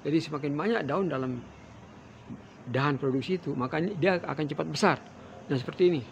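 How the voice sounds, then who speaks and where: Gravelly-voiced farmer teaching outdoors in the orchard, faint background noise, talks straight to viewers. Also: male voice, on the high side, fairly quick, highs cut off. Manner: addresses viewers as fellow farmers, explains while pointing. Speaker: durian farmer. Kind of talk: farming tutorial.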